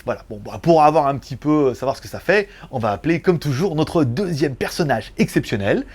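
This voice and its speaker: Male tech reviewer, casual and jokey, slightly high voice with a very lively pitch. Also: brisk, breathy edge. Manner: chatty, joking, lots of fillers.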